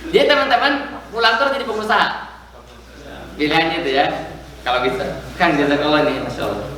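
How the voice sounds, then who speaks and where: A man's voice: on the high side, fast talker. Guy preaching in a mosque, quizzing the crowd, really echoey, mic way off. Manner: chatty, jokes and quizzes the congregation. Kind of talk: casual sermon. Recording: very echoey room, far from the mic.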